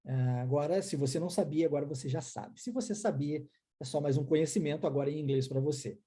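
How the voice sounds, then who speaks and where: A woman's voice: low-pitched, fast talker, dark tone, breathy edge. A woman with a Brazilian Portuguese accent teaching an online English lesson, explaining step by step and often checking in with short questions.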